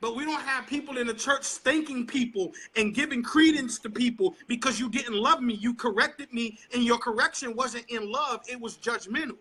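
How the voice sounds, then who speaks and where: A man's voice: very high-pitched, normal speed, hardly any pauses, bright, forceful tone, husky. A man who is a preacher, talking with passion and frustration in a Bible study discussion. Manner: impassioned, preachy, voices frustration.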